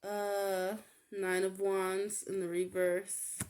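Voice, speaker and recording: A woman giving a casual tarot reading, talking in a halting way with many fillers. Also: medium pitch, flat delivery, darkish tone. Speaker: tarot reader.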